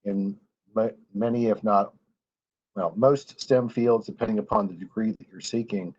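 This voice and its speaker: A man's voice: fairly low pitch, steady tone, moderate pace, darkish tone, highs cut off. A man on a panel explaining graduate school, hesitant and full of fillers and restarts.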